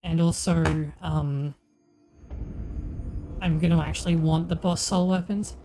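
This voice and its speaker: A woman's voice: lowish voice, steady tone, measured pace, music in the background. A woman game streamer giving casual commentary as she plays, thinking aloud in a hesitant way.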